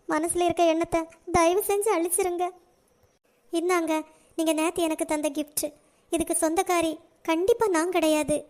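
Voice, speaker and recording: A woman voicing a gentle, troubled young female student in a cartoon, tearful and pleading. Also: extremely high pitch. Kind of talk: cartoon voice acting of several characters.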